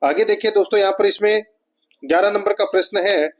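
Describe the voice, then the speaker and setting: A man's voice: high voice, brisk. A man with a Rajasthani Hindi accent teaching an exam prep lesson, reading out each question and explaining the answer, often calling his viewers friends. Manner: repetitive, keeps addressing viewers as friends.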